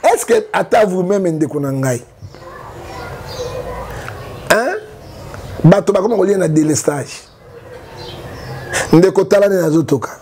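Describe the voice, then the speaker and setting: A man from Congo with a Congolese French accent, giving animated political commentary full of rhetorical questions. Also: sits high, unhurried, long pauses, slight background noise. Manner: emphatic, rhetorical questions, frequent "hein?".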